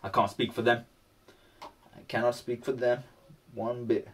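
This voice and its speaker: A man chats loosely while he paints, rambling on and talking to himself. His voice sits at an everyday middle pitch. He sounds distant, picked up far from the microphone. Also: little pitch movement, a little slow, a bit bright, a little hiss or hum. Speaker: vlogger. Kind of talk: casual chat while painting.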